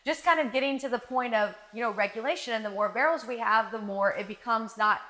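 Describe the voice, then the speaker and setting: A woman guest on a podcast, telling stories in a casual, animated way, acting out quoted conversations and saying "like" often. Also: a little high, a little fast. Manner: animated, acts out quoted dialogue, frequent "like". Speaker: marketing director guest. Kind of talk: casual interview storytelling. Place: live podcast recording.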